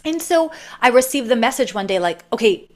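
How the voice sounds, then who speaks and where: A woman's voice: a little high, expressive, fairly quick. A woman from Canada, a podcast guest and author, telling a personal story in a chatty, rambling way with many fillers. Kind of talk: casual storytelling interview.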